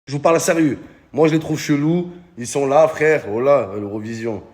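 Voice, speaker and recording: A man's voice: medium pitch, moderate pace, darkish tone. A male comedian, ranting to camera in slangy, rowdy banter and calling out to the guys. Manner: rowdy slangy banter, addresses viewers as "les gars". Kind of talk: comic rant to camera.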